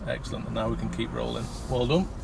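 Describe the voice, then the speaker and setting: A man working as a driving instructor, calmly coaching step by step with encouragement and prompting questions. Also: mid-range voice, fast, vocal fry. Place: inside a moving car on the road. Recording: loud car and road noise.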